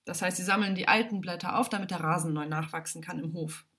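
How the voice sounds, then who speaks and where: A woman telling a children's story aloud, animated and dramatic, on a home livestream. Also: on the low side, fast.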